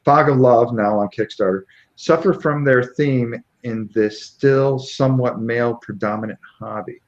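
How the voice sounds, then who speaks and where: A man's voice: mid-range voice, a little slow. Stumbling man host from Connecticut. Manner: rambling, stumbles over game names. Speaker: live show host. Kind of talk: casual live-stream interview. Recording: dull lo-fi stream audio.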